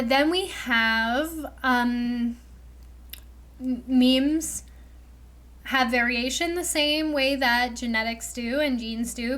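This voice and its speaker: A woman's voice: high-pitched, fairly bright tone. A woman giving a casual lecture on a livestream, chatty and loose, full of "like" and "you know". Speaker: streamer explaining memetics.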